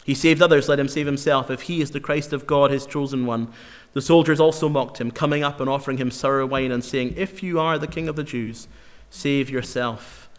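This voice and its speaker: A man preaching a sermon in an earnest, emphatic way, slowing down to repeat key phrases for weight. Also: medium pitch, fairly even intonation. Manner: earnest, emphatic, with slow dramatic repetitions. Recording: long hall reverb.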